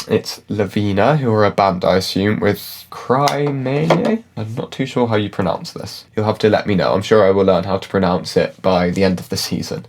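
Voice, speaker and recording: A man, a classically trained musician, giving casual reaction commentary and musical analysis in a chatty, hedging way, often saying "like". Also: on the low side. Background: faint music from the reacted video.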